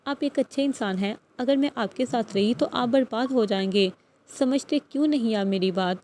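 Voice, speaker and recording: A woman reads a tearful, stubborn young wife in an audiobook novel, pleading and protesting. The voice is fairly high and mellow. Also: a little hiss or hum, close to an everyday voice.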